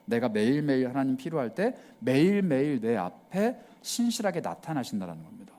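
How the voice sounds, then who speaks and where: A man preaching a sermon as pastor, acting out prayers in cried-out voices and dropping to a hush on key words. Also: medium pitch, sing-song, fairly quick. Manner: drops to a hushed voice on key words.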